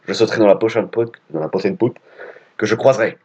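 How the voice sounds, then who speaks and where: Man doing a low, muttering stranded game hero with a deep voice, lo-fi, game music behind. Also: fast talker, a little mellow, slightly rough. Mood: brooding. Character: brooding young man stranded in another world. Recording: dull lo-fi audio with game music.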